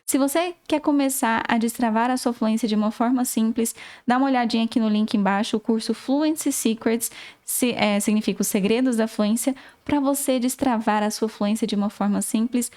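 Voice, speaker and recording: A woman's voice: a little high, steady tone, fairly quick, mellow. A woman with a Brazilian Portuguese accent, an English teacher giving an online lesson in an encouraging, instructive way. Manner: encouraging, instructive, repeats points to the viewer.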